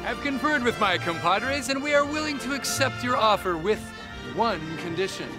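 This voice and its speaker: A man's voice: very high-pitched, animated, normal speed, over music. A middle-aged man playing a cocky, bumbling would-be hero in a comic skit. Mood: self-assured. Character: cocky, bumbling mariachi-suited hero leader. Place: outdoors on a dirt road.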